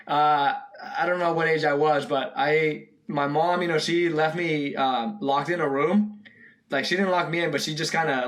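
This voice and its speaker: A young video reactor, his voice on the high side and a little bright, rambles casually through commentary on a short horror film. His talk is packed with fillers and restarts.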